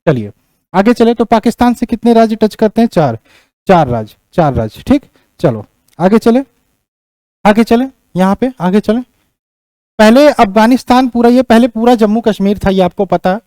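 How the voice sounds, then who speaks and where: High-voiced male teacher giving a lecture. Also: sing-song, normal speed, dark tone, no room sound. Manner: repeats key points, keeps checking in with "theek". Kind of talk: classroom lecture on geography.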